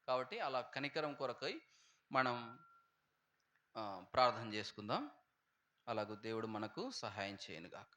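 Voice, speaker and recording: A man's voice: medium pitch, big pitch swings, measured pace, pauses often, bright, forceful tone. A man preaching a sermon to a congregation, often asking them questions.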